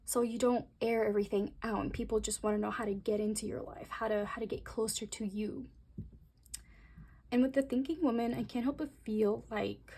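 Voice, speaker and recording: A woman giving a chatty, rambling tarot reading, speaking straight to her viewers and talking fast by her own account. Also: fairly high pitch, steady tone, warm tone, slightly rough. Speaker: tarot reader. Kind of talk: casual tarot reading to camera.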